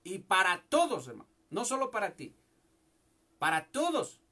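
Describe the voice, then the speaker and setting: A man's voice: high voice, wildly swooping pitch, moderate pace, sharp tone. A young male pastor preaching a fervent sermon from a home church service, often calling out to his listeners as brother. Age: young adult.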